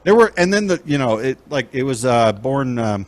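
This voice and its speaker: A man's voice: mid-range voice, sing-song, normal speed, dry recording. A man hosting a talk show with crude, joking, casual banter. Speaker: show host.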